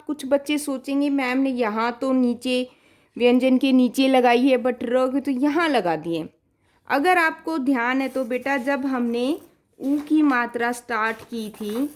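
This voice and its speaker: A woman teaching an online Hindi class to young children, patient and coaxing, mixing English words in and drawing dictation words out syllable by syllable. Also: high-pitched. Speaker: primary school Hindi teacher.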